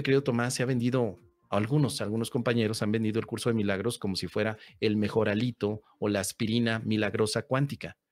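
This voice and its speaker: A man gives a casual, playful podcast talk as a spiritual teacher, answering a listener in a slangy, conversational way. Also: mid-range voice.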